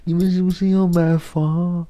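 A man voicing a languid young woman roommate in a high, thin, drawn-out falsetto. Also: flat delivery, mellow, close to an everyday voice.

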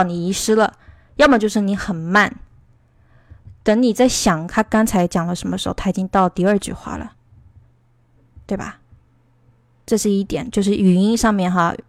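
A woman's voice: medium pitch, dry recording, studio quality. A woman from China teaching English in a casual online lesson, rambling and explaining at length.

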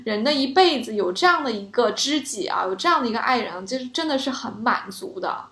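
High-voiced woman chatting in an echoey room. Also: brisk. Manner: animated storytelling with laughs. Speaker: podcast co-host. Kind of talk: casual literary chat.

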